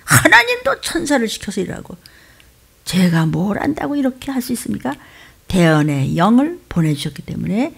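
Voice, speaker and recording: A woman pastor preaching a sermon with emphatic delivery, jumping from loud exclamations to hushed whispers. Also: medium pitch, very animated, moderate pace, creaky, husky.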